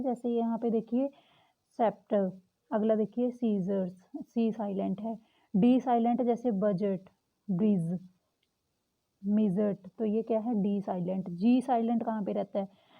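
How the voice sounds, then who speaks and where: A young woman teaching a lesson, patiently repeating example words slowly. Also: a little high. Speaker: English teacher. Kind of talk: explaining a lesson. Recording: tinny phone-like audio.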